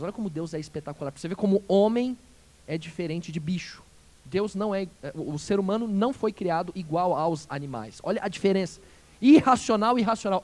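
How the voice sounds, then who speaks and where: A male pastor preaching a sermon, asking the congregation questions and swinging between loud emphatic phrases and quiet dropped endings. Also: sits high. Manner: asks the congregation rhetorical questions.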